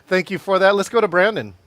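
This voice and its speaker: A man presenting a live video-call training session on virtual meetings, energetic, laughing often and calling on attendees by name. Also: high voice, no room sound.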